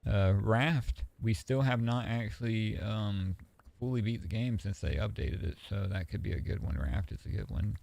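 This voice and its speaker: A man streaming, chatting casually in a relaxed, rambling way and swearing freely. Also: on the low side, normal speed, gravelly, no echo.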